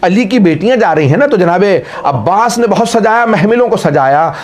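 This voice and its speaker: A man, a cleric, giving an emotive Muharram majlis sermon, telling a story in drawn-out recitation. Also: high voice, animated. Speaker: Shia cleric.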